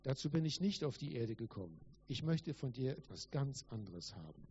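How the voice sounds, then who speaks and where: A gentle, kind child Jesus from a read-aloud story, voiced plainly by a man. The delivery is earnest and emphatic with a mellow, dark tone. The sound is slightly dull, with faint background hiss. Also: mid-range voice, sing-song, normal speed.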